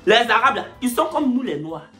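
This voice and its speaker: A woman's voice: a little high, brisk, soft background music. A woman telling a funny story in a vlog, acting out other people and raising her voice for effect. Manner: animated, acts out other people's voices and shouts. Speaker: comedian storyteller.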